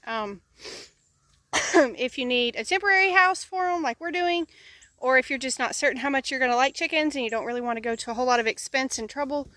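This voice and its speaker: High-pitched and bright with a pushed quality, a woman vlogs outdoors beside her chickens' pen, describing the job casually and peppering it with ums and uhs. The recording itself is dry.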